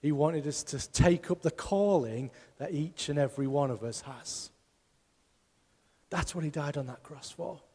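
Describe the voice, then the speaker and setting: A man's voice: a little high, unhurried, mellow, husky, big-room sound. A man preaching a sermon as pastor, emphatic and putting rhetorical questions to his congregation. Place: church hall.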